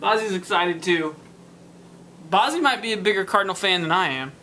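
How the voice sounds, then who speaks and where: A woman chatting casually in a family vlog, playful, teasing and excitable. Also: medium pitch, a little fast. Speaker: vlogger. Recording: noisy ambient background.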